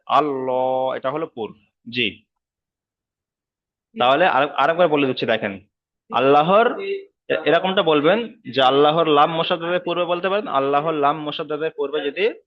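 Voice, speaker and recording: Patient male teacher, lo-fi call audio. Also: on the high side. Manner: patient, repeats rules many times, checks understanding. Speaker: Quran reading teacher. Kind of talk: online class lesson. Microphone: video call.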